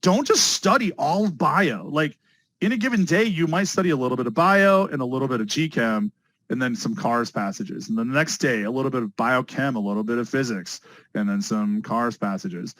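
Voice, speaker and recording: A man teaching a test prep class live, energetic and talking straight to his students, often repeating key words. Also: mid-range voice, a little fast, no room sound, poor audio. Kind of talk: live online class lecture.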